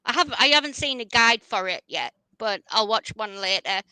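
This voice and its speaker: A woman's voice: a little high, lively intonation, moderate pace, sharp tone, smooth, no room sound, poor audio. A woman hosting a casual livestream, chatty and rambling, often restarting her sentences. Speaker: livestream host.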